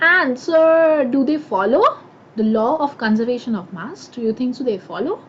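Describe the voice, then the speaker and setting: High-pitched, animated Indian woman teaching. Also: normal speed. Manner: animated, chatty, asks and answers own questions. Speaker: science teacher. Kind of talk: live online class, explaining to students. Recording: muffled audio with clear background noise.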